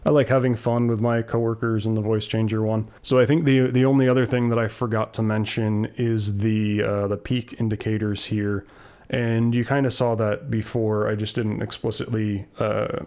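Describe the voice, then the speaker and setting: A man's voice: on the low side, darkish tone. A man casually demoing a new audio mixer in his video, rambling along with lots of fillers and restarts. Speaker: YouTube vlogger demoing a mixer. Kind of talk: casual equipment demo.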